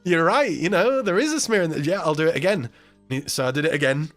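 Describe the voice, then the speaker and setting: A man chats casually on his live stream, telling a long story and acting out the voices of everyone in it. His voice sits a little high, and he laughs and swears as he goes. Faint music plays behind him. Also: fast talker. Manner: animated, acts out quoted voices, laughs often, swears.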